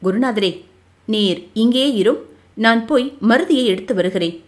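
A woman's voice: a little high, normal speed, close to an everyday voice. Woman reader doing a stern male commander, cold threats, audiobook figure. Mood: commanding. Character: stern young male army commander, menacing.

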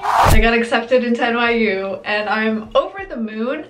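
A woman's voice: on the high side, lively intonation, moderate pace, very noisy. A young woman talking casually to her camera at home in a chatty, upbeat vlog, with lots of "like" fillers. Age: young adult. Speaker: vlogger.

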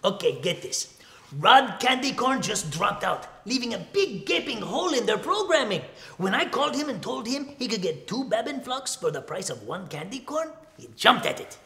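A man's voice: high-pitched, big pitch swings, normal speed, pushed and bright, heavily acted. An actor playing a slick, crude, evasive talent agent in a scripted comedy, blustering and stammering as he wheedles. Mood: smarmy.

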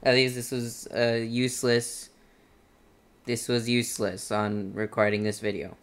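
A man's voice: mid-range voice, level tone, unhurried, clean tone. A young man streaming a game, chatting casually on a headset mic in a teasing, evasive way.

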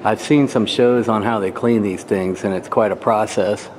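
Standing by a church organ, a man who loves music murmurs casual, awestruck remarks to himself while shooting an amateur handheld tour. He speaks at a moderate pace in a fairly low, darkish voice, and the handheld camera audio carries clear background noise.

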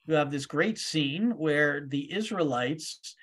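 A man leading a virtual Torah study group over a video call, animated and playful, acting out the voices in the stories he tells. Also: fairly high pitch, slow pace. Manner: animated, acts out voices in quotes.

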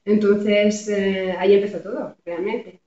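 Very echoey, slow-spoken Spanish woman. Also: medium pitch, fairly even intonation, dark tone. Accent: Spain. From Madrid, Spain. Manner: hesitant, giggly. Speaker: interview guest, Buddhist practitioner. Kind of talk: casual personal storytelling. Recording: very echoey, distant, muffled microphone.

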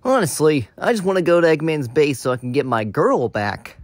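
A man's voice: fairly high pitch, big pitch swings, a little fast, dry recording, clean studio sound. A man voicing a cool young hedgehog with a flippant, dismissive manner in an improvised comedy dub.

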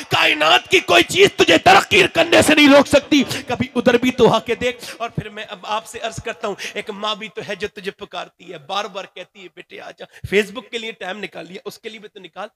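Gravelly high-voiced impassioned male preacher. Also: few pauses, bright, forceful tone. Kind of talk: sermon.

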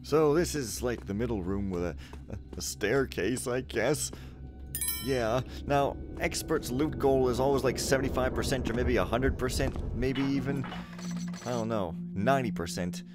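A let's play host with a medium-pitched voice offers casual, sardonic, rambling commentary as he plays through a video game. He talks at normal speed over the game's sounds and music.

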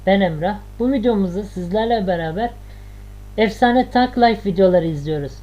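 A man's voice: high voice, warm tone, dull audio. A man hosting a reaction video, chatting casually, laughing and singing along to clips. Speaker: YouTube reaction host.

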